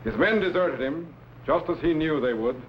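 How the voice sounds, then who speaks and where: An actor playing a calm, commanding time-traveling scientist captain in a 1950s science fiction serial, speaking with measured authority. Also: male voice, a little high, a little hiss or hum, close to an everyday voice. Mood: measured, reflective. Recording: dull, muffled vintage serial soundtrack.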